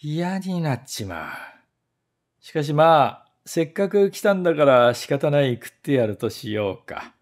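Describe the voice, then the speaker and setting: A man's voice: very animated, measured pace, darkish tone. A man voicing a sly, ungrateful little male mouse who talks down to others and wails shrilly when wronged. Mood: grumbling. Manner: smug and condescending, turning to shrill wailing.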